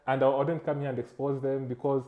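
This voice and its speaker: A man's voice: medium pitch, level tone, brisk, narrow, tinny audio. A man from Lusaka with a Zambian accent, chatting casually as an interview guest, repeating words in an emphatic stammer. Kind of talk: casual chat.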